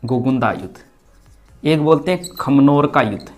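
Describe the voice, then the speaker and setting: A man's voice: medium pitch, expressive, normal speed, soft background music. A male teacher, giving an exam-prep lecture, stressing key words and offering memory tricks.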